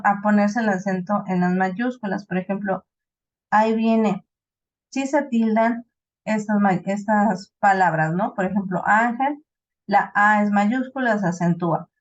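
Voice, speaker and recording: In an online class lecture, a woman with a Mexican Spanish accent explains things slowly, step by step, with many "¿no?" checks and restarts to make sure students follow. Her voice sits at an ordinary middle pitch, and the recording sounds dull and slightly lo-fi.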